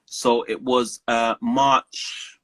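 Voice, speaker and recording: A man being interviewed as a guest preacher, talking in a playful, animated way and laughing easily. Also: mid-range voice, drawn-out words. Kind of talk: casual interview.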